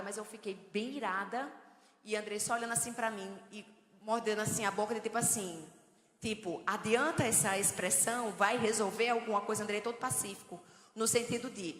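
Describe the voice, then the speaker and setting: A middle-aged woman from Northeast Brazil preaches a sermon full of humor and storytelling in a church hall. Her voice is mid-range with a fairly bright tone, and the recording echoes through the hall.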